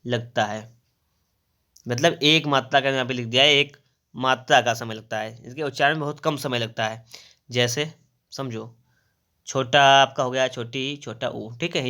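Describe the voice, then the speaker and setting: A man's voice: medium pitch, pushed and bright. A man teaching grammar for exams, who asks his own questions, answers them, repeats the key terms and draws out the vowel sounds. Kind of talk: exam-prep grammar lesson.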